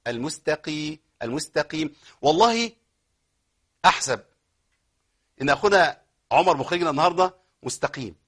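A man with an Egyptian accent teaching Quran recitation rules. He explains common mistakes, then recites words slowly and repeats them. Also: fairly high pitch, lively intonation, fairly bright tone, breathy edge. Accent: Egyptian Arabic. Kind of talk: tajweed lesson with recited examples.

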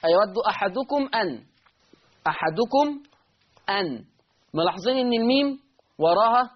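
Man, Egyptian accent, high voice, recitation teacher, repeats terms, dull lo-fi sound. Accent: Egyptian Arabic. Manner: repeats key terms, asks and answers his own questions. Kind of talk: online tajweed lesson.

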